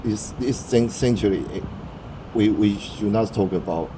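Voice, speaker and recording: Against a noisy background, a young man from Taiwan answers interview questions in English, his fairly low voice halting often as he looks for words and begins again. Mandarin Chinese is his first language.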